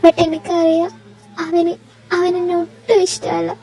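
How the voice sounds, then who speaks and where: A woman's voice: very high-pitched, monotone, mellow. A woman voicing a crying, heartbroken young woman. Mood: hopeless. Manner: halting, tearful, insistent. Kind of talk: fan fiction audio story.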